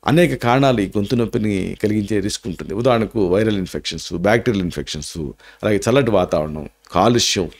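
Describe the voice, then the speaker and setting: A man with a Telugu accent gives health advice as an Ayurvedic doctor, his voice sitting fairly low. He explains each remedy step by step, drops in English terms and pauses on filler sounds as he thinks. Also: darkish tone. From India. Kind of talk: health advice talk to camera.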